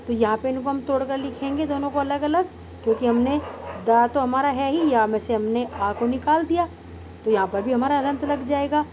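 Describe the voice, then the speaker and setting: A woman from India with a somewhat raised voice teaches an online Sanskrit class. She breaks words into syllables and says each one slowly and deliberately. A faint hum runs under her voice. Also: sits high. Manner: patient, drawn-out syllable-by-syllable pronunciation; addresses pupils as "beta".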